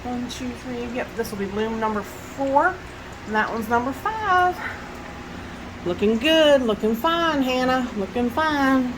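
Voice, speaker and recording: With a fairly high, expressive voice and an unhurried pace, a Southern US woman shows off her orchid shelves in a casual vlog. She has a stuffy head cold, rambles with plenty of fillers, and sounds nasal when she bends over. Background noise runs throughout.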